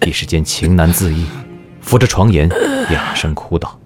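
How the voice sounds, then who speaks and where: A man's voice: sits low, moderate pace, a little mellow. A man narrating a historical audio drama in a scripted, dramatic storytelling style. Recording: music behind the narration.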